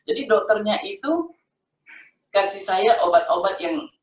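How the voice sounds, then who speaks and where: A woman's voice: medium pitch, expressive, unhurried. A middle-aged woman tells her personal faith testimony in an emotional, conversational way, often repeating herself. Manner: emotional, repetitive, conversational storytelling. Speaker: testimony giver. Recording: roomy sound from a distant mic.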